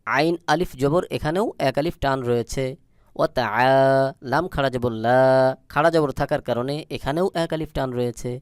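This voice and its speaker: A man with a Bangladeshi Bengali accent teaching Quran recitation, spelling out syllables slowly and deliberately and repeating them. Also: mid-range voice, no room sound, clean studio sound.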